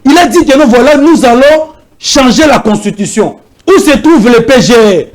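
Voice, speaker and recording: High-pitched man, fast heated political guest, keeps repeating himself. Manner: animated, rapid, repeats himself. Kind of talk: heated political debate in French and Lingala.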